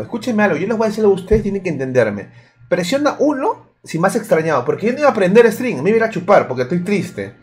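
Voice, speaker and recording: A man with a Peruvian accent, tipsy and rambling in crude, joking casual chat as a livestreamer. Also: sits high. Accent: Peruvian Spanish. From Peru. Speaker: streamer.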